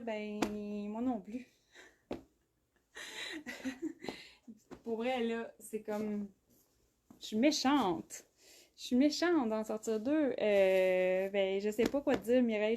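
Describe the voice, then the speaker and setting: Québécoise lady chatting on a live sale, fairly high voice, warm mellow tone, lots of euh's and giggles. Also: slow, long pauses, slight background noise. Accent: Québécois French. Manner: chatty, laughs often, many fillers. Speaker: clothing brand host. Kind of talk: live shopping stream. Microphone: phone.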